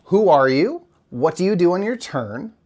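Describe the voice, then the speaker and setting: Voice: mid-range voice, sing-song, moderate pace, a little mellow. A co-host delivering scripted comedic board game news in the manner of a parody news anchor.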